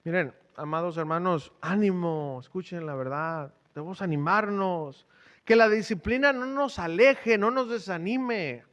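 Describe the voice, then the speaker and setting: Brief: middle-aged male preacher, chatty sermon delivery, fairly high voice. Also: measured pace, a bit bright. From Mexico. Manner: conversational preaching, quizzes the congregation with rhetorical questions. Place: church.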